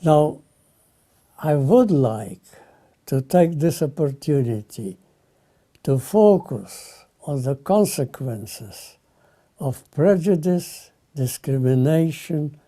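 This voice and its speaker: Slow, dark-voiced older man. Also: on the high side, animated. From Lithuania. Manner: solemn, short halting phrases. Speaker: speaker giving testimony. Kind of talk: measured spoken testimony.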